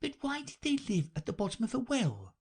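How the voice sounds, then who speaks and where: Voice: medium pitch, wildly swooping pitch, a little fast, a little mellow, breathy edge, pitched above the performer's own voice, heavily acted. A reader voicing a curious, polite young girl who asks earnest questions. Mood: inquisitive. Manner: earnest, inquisitive, politely puzzled.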